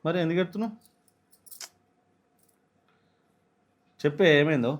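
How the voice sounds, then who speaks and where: A man playing a rapid-talking young husband with a Telangana accent. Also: fairly high pitch, animated, lo-fi sound, lightly acted. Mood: concerned. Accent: Telangana Telugu. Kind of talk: village short film acting.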